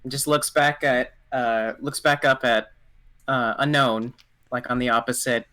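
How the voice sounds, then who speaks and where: A player at a tabletop game, chatting casually and describing a character's actions in halting, trailing phrases. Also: medium pitch, fairly even intonation, bright, forceful tone.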